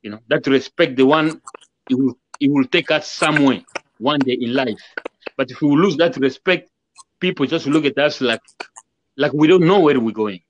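In a casual interview over a video call, a man, the guest musician, earnestly repeats his points and acts out greetings he's quoting. He speaks at normal speed with a medium-pitched voice, captured by a webcam with lo-fi sound and slight background noise.

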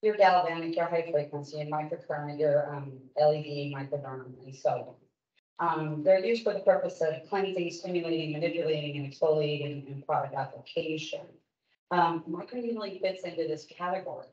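Here a woman in her fifties, an esthetician from Oregon, makes an emphatic, sincere public comment before a licensing board. She speaks at a fairly quick clip in a low, slightly mellow voice. The recording comes from a distant mic in a big meeting room and sounds dull, distant and roomy.

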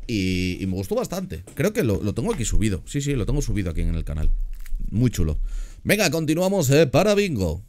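A man giving casual, excitable commentary while playing a zoo game, often repeating words in quick bursts. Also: medium pitch. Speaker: gaming YouTuber reacting to a zoo build.

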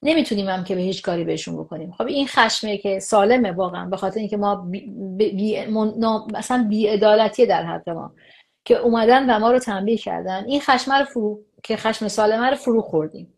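A woman speaking as an expert guest, explaining calmly but animatedly and acting out quoted dialogue. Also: medium pitch, vocal fry. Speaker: psychologist guest.

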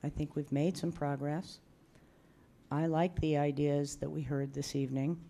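A woman in her sixties at a school board meeting, giving measured, formal remarks into a table microphone. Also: sits low, creaky. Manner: measured, steady, firm.

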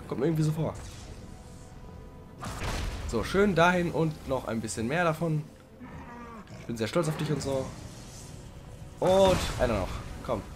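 A young man doing casual let's play commentary, chatting to the game creature and sometimes swearing loudly. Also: a little high.

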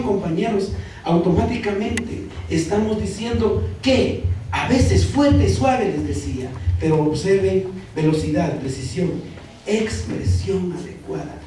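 A man with a Guatemalan accent giving an animated workshop lecture to teachers, calling them colleagues. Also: high voice. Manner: animated, addresses the audience as colleagues. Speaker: teacher trainer. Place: large hall. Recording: echoey hall from far off, noisy.

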